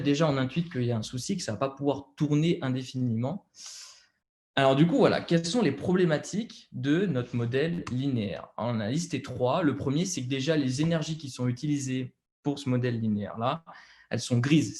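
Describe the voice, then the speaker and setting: A man's voice: medium pitch, darkish tone. A young man with a French accent presenting slides over a video call, hesitant, with many fillers and restarts.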